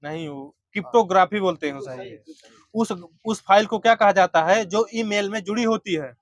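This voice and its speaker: A man teaching a class, firing quiz questions at students and briskly confirming or correcting their answers. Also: high voice.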